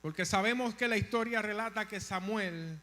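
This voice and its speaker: High bright-voiced guy preaching, short phrases, waits for the interpreter. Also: normal speed. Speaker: co-pastor. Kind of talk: sermon.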